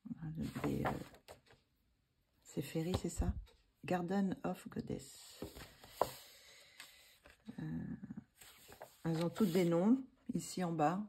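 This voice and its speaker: A woman's voice: fairly low pitch, fairly even intonation, a little slow, long pauses, noisy background. A woman vlogger chatting casually about her coloring books, hesitating often with fillers and restarts. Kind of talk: casual chat.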